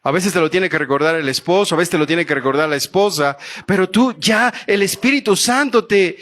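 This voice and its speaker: A man with a Mexican Spanish accent preaches in church, in a fairly high voice. He tells a story in an earnest tone and puts questions to his listeners. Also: a little fast, a bit bright. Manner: earnest, asks the congregation questions. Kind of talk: sermon with a told story.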